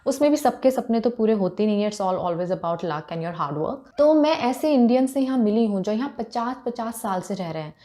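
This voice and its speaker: A woman's voice: fairly high pitch, lively intonation, normal speed, hardly any pauses, warm tone. A woman from India in her thirties with an Indian accent, chatting casually to camera in a Hindi-English mix with frequent fillers. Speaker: vlogger.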